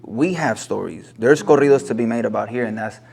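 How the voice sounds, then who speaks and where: A man's voice: medium pitch, a little fast, creaky, darkish tone, slightly rough. A man in his thirties from Los Angeles, a corrido singer talking earnestly and reflectively as a guest in a casual interview, now and then slipping into Spanish. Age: 30s.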